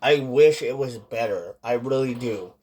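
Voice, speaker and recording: A man giving a casual, informal vlog-style review in a halting way, stressing words for emphasis. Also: mid-range voice, darkish tone. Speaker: product reviewer.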